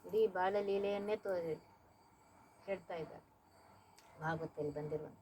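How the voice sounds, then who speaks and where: A woman's voice: medium pitch, normal speed, mellow, slight background noise, low-quality recording. A woman singing devotional verses and explaining them in plain everyday speech as a teacher.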